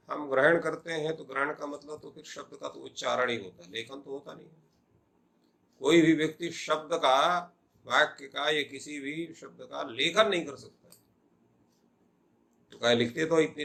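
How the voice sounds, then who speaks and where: A man's voice: fairly high pitch, vocal fry, fairly bright tone. An older male professor lecturing on Sanskrit grammar, posing questions and answering them himself. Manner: explanatory, asks and answers his own questions.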